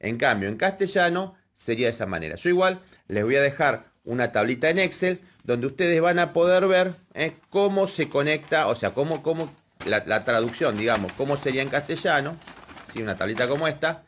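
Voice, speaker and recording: A man's voice: medium pitch, expressive, brisk, a bit bright. A man teaching a hands-on wiring lesson, explaining step by step and often checking in with the viewers. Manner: explanatory, checks in with frequent "¿sí?" and "fíjense". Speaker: electrical workshop instructor.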